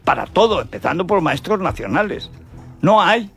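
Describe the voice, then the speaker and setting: With a high voice, big pitch swings, and normal speed, an older Spanish man from Spain offers indignant, colloquial opinions on the radio, leaning heavily on rhetorical questions. Faint music can be heard in the background.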